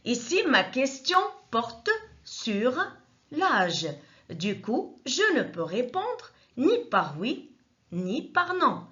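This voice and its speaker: A woman teaching a grammar lesson, explaining each example slowly and methodically and repeating the key points. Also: fairly high pitch, big pitch swings, a bit bright, lo-fi sound. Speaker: French teacher.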